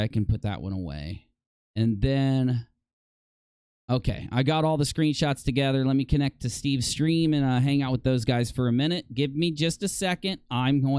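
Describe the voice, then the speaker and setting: A man's voice: mid-range voice, darkish tone, clear, resonant tone, no room sound. A man hosting a live stream, ranting in exasperated, heated commentary as he reads posts aloud. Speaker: livestream host.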